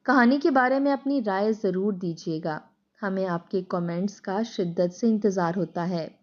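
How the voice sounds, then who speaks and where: A woman's voice: mid-range voice, highs cut off. A woman narrating a scripted sad story in a somber, moralizing manner.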